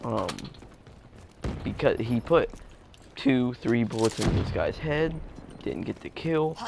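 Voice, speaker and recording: A young gaming YouTuber gives live commentary in a mid-range, animated but slow and creaky voice, rambling with many fillers and restarts. Loud gunfire and explosions from the game fill the noisy background.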